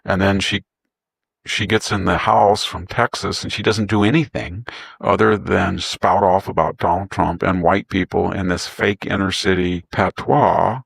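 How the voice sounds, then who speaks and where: Gravelly, scornful male political commentator. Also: sits low, steady tone, measured pace, no room sound. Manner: scornful, mocking, mimics opponents. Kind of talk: sarcastic commentary in conversation.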